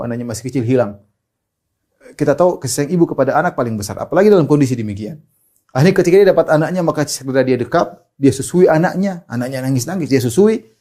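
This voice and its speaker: Sermon voice: Indonesian male preacher, mid-pitched, expressive. He climbs high and loud in stories, sinks low and quiet in pleas, and recites Arabic between plain explanations. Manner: animated, rising high and loud when telling a story, sinking quiet when pleading; recites Arabic hadith then translates.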